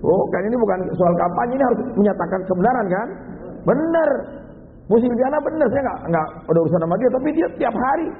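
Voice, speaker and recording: High-voiced preacher, tinny and echoey. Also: male voice, very fast, few pauses, a little hiss or hum. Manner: animated storytelling, acts out quoted people. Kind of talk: religious lecture. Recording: tinny phone-like sound in a reverberant hall.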